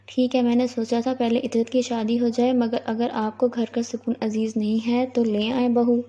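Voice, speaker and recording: Young man figure, read by a woman, teasing, fond, steady pitch, dull lo-fi sound. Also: lightly acted. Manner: playful, teasing. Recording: dull lo-fi recording.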